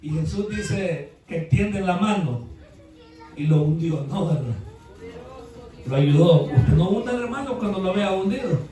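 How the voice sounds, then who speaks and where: A high-pitched man preaches in a church, mixing folksy anecdotes with loud, shouted bursts of praise. His voice rings through a very echoey hall. He sounds set back from the microphone. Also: lively intonation, a little slow, far from the mic. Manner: folksy storytelling, rising to shouted exhortation. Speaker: pastor. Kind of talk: sermon. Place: church sanctuary.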